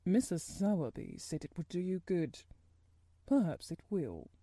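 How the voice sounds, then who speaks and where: Woman voicing a weary, mellow, miserable gentleman. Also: lowish voice, sing-song, no room sound. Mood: absent-minded. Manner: absent-minded, halting, worried. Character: weary, fretful, miserable middle-aged man, a distracted guardian.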